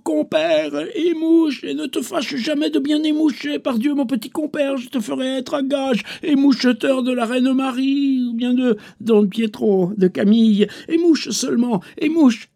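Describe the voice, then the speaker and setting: Guy doing a preachy lion coaxing a fox, keeps repeating himself, slow and dark toned. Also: expressive, vocal fry, exaggerated voice. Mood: calling out. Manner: coaxing, repetitive, raised pitch with some shouted calls. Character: fussy male lion urging a fox, pious and wordy.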